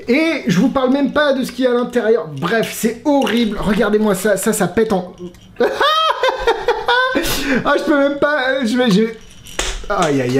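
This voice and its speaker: A man reviews a magic trick in a casual, exasperated way, swearing and laughing along. His pitch leaps around a lot. The room gives his voice a clear echo. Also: darkish tone. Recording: roomy echo.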